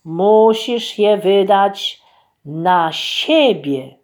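A woman voicing an enchanted princess who was once a golden duck, speaking slowly and solemnly in a fairy tale. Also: a little high. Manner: slow, solemn, measured.

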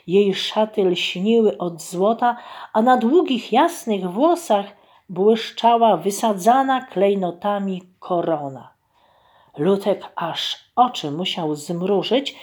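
A woman telling a fairy tale to children in an expressive storytelling voice. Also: medium pitch. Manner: expressive, unhurried, addressing children.

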